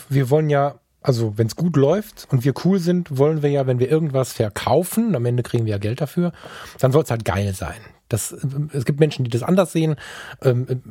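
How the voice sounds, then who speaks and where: Mellow-voiced man chatting in a dry room. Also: medium pitch, dry recording. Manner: energetic, colloquial, stammers at times. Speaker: podcast co-host and photographer. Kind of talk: casual podcast conversation.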